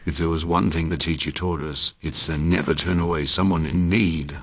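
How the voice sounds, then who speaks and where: A man's voice: rumbling low, steady tone, moderate pace. A man voicing a cheerful, friendly male alien preacher who is eager to help, in an audiobook. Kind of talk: audiobook character voice.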